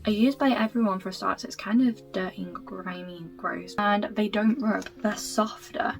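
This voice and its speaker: A woman's voice: medium pitch, steady tone, moderate pace, creaky, soft background music. A young woman chatting through hair product recommendations in a gushing, emphatic, casual way. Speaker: beauty vlogger.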